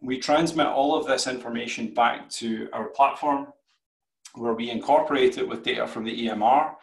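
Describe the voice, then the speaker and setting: A man with a broad Scottish accent giving a business pitch presentation as a startup CEO over a video call. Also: normal speed, vocal fry. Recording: roomy video-call sound.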